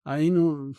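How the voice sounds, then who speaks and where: Animated Brazilian man telling a story. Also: fairly high pitch, smooth, no room sound. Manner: animated, acts out other people's lines in the story. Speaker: podcast guest. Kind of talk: casual storytelling.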